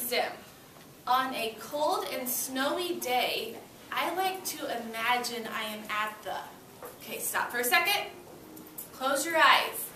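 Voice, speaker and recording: In an echoey school classroom, a woman teacher with a high voice reads aloud to young children, cheering them on with short, simple instructions. Recorded by a distant camera, the audio carries loud room noise.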